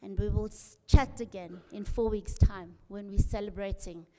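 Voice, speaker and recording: Woman giving an earnest rally speech, mellow voice, long echo off a big hall. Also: medium pitch, fairly even intonation, normal speed. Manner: earnest, rousing, urging. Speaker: political candidate.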